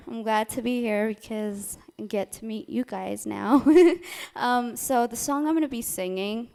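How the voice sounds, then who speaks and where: A woman's voice: mid-range voice, creaky, a little mellow, smooth. A woman singer talking casually and hesitantly before she performs.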